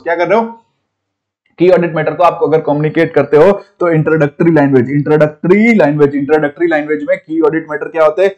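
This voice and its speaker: A man with an Indian English accent lecturing a class on auditing in a casual mix of languages, teasing students by name and slowing down to repeat key phrases. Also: on the high side, darkish tone, lo-fi sound. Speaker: CA audit teacher.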